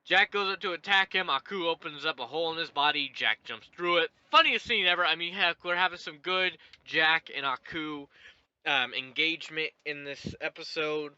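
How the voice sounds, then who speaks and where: A man's voice: on the high side, normal speed, bright, forceful tone, clean tone, no room sound, highs cut off. A man casually recapping a cartoon episode for his show, rambling and chatty. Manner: rambling, chatty, laughs at his own jokes. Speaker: YouTube show reviewer.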